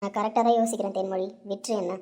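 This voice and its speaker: A woman voicing a young village wife who talks in an earnest, steady way in an amateur drama. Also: medium pitch, very fast, lightly acted. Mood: resolute. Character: young village woman, quietly resolute, heartbroken.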